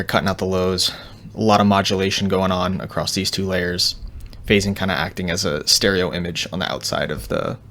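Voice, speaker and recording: Walking through technical topics, this audio engineer talks in a laid-back, unscripted tutorial manner. His voice is low and heavily gravelly with fry, yet fairly bright in tone.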